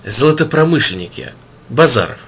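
A man's voice: mid-range voice, sing-song, fairly quick, a bit bright, breathy edge, heavily acted. A man doing a scheming agent feigning remorse. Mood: feigned remorse.

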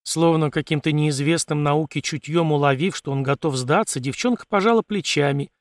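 A man reading an audiobook as narrator in a steady, even storytelling manner. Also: a little high, moderate pace, dry recording. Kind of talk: scripted narration.

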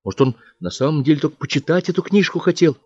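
Casting: male reader as a gentle angel, distressed and pleading, raised pitch. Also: expressive, quick pace, no echo. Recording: dry, slightly dull audiobook recording.

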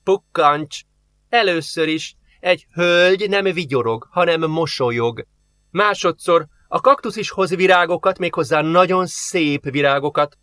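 A man's voice: on the high side, a bit bright, no echo, voice pushed up, lightly acted. A man voicing a cheeky chatty young woman. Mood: teasing. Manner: chatty, teasing, quick retorts. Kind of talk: audiobook character voice.

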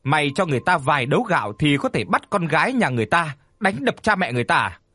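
A man voicing a beaten, defiant young man who answers harshly and fast. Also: on the high side, very animated, pushed and bright, slightly rough, no room sound, exaggerated voice. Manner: harsh, rapid, spitting anger.

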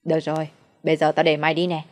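A woman's voice: low-pitched, completely flat delivery, racing, natural voice. A woman voicing a cruel, scheming young mistress who speaks coldly and mockingly. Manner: cold, mocking.

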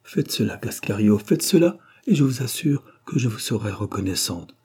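A man's voice: mid-range voice, lively intonation, brisk, darkish tone, breathy edge. A man reading the lines of a lovesick, impulsive young countess in an audiobook, lifting his voice a little and sounding eager.

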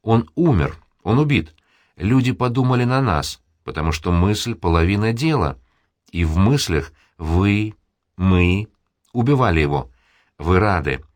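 Guy reading as a young woman breaking off a romance, pained but firm, low dry voice. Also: dry recording. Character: young woman ending a love affair, firm.

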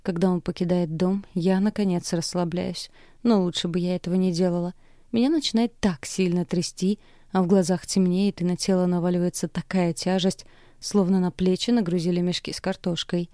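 A woman reading a first-person audiobook in a steady, measured way. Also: fairly low pitch, no room sound, clean studio sound. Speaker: audiobook narrator.

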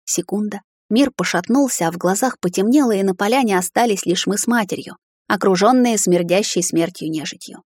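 A woman narrating a fantasy novel in the first person, reading in a steady, dramatic way. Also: medium pitch, a little fast, husky, no echo, studio quality. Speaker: audiobook narrator.

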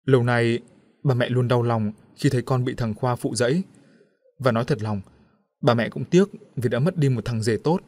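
A man playing a calm, caring father. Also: mid-range voice, moderate pace, no room sound, studio quality, natural voice. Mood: reassuring. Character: steady, caring middle-aged father.

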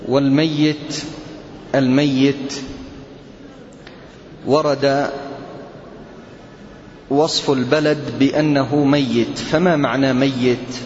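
A man teaching a classroom Quran lesson, speaking slowly and deliberately and putting questions to his students. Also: medium pitch, steady tone. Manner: slow, deliberate, quizzing students. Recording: lo-fi echoey hall recording with faint hiss.

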